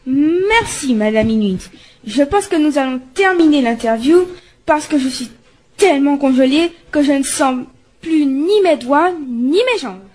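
A curious field reporter in the icy cold, acted by a woman in an amateur radio skit. She asks one question after another in a high voice and complains dramatically about the cold. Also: expressive, a little slow, darkish tone. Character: frozen roving woman reporter.

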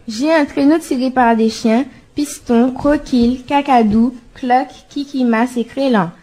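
A woman's voice: high-pitched, unhurried, warm tone. A woman playing an Inuit woman who lives in an igloo, giving brief matter-of-fact answers in an amateur radio skit.

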